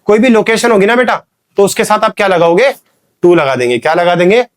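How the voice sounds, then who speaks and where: A man's voice: high-pitched, fairly quick. A man with an Indian accent teaching an English grammar lesson, explaining in Hindi, giving English examples and quizzing his students as he goes. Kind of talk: classroom lesson.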